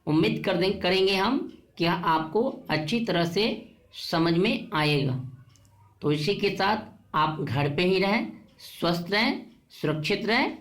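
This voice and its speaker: A woman teacher giving a recorded lesson, explaining patiently and reciting word forms slowly, one by one. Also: on the low side, lively intonation. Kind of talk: online class lesson.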